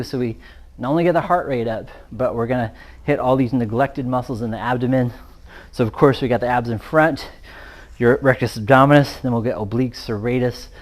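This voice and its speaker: A young man coaching a workout while doing it himself, explaining each move with energy and getting winded as it goes on. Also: medium pitch. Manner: energetic, explaining while exercising, gets louder during effort. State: out of breath. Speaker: fitness coach. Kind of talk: demonstrating a workout on camera.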